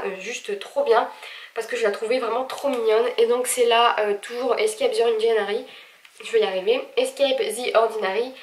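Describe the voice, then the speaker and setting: A woman's voice: on the high side, reverberant, far from the mic. A woman with a stuffy, nasal voice, chatting casually about her recent purchases with frequent hesitations. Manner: chatty, many hesitations, gushing. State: stuffy nose, speaking with effort. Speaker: vlogger. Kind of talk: casual haul video.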